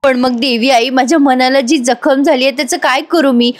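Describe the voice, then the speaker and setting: A woman's voice: high voice, steady tone, normal speed, close to an everyday voice. A woman voicing a hurt young wife who tearfully pleads to a goddess in a TV serial recap. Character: hurt young wife praying through tears.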